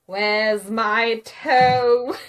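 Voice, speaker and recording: A ghostly creature moans out each word, stretched to a crawl, as it searches for its lost toe, put on by a woman reading a spooky story. The voice sits fairly high for a woman and lingers on every sound. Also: steady tone. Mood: eerie. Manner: slow, drawn-out, moaning calls.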